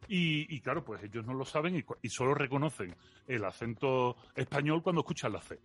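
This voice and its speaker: A man with an Andalusian accent, telling stories as an interview guest in a relaxed, jokey way and slowing down to stress his points. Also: mid-range voice. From Andalusia, Spain. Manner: expansive, jokey, slows down for emphasis. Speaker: guest, philosophy communicator.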